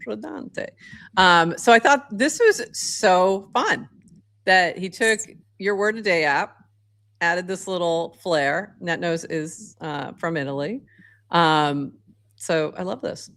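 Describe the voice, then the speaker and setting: Lady co-host chatting on a podcast, bit low voice, talks loose with lots of ums. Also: slow pace, fairly bright tone. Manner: chatty, laughs often, many fillers. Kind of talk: casual podcast chat.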